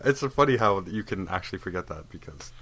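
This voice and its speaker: A man's voice: low voice, expressive, quick pace, fairly bright tone. A young man hosting a casual video game podcast, rambling and joking, restarting his sentences often. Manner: rambling and jokey, with frequent restarts and fillers. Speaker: podcast host. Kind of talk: casual chat about video games.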